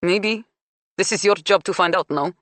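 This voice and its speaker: A woman's voice: fairly low pitch, normal speed, fairly bright tone, no room sound, close to an everyday voice. A woman reading an audiobook, voicing a fierce, proud female suspect who speaks in clipped, broken English. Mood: defiant.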